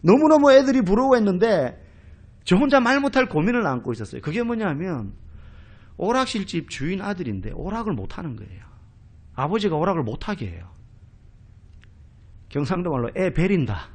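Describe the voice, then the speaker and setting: A male pastor preaching an expository sermon in a church, telling stories in an animated way and acting out quoted speech. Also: high-pitched, a little fast, pauses often. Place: church sanctuary.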